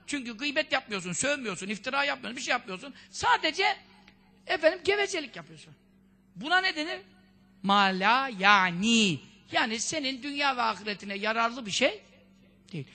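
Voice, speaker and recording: A man preaching a conversational sermon, firing off rhetorical questions, scolding in a lively way and quoting Arabic sayings. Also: extremely high pitch. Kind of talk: religious sermon talk.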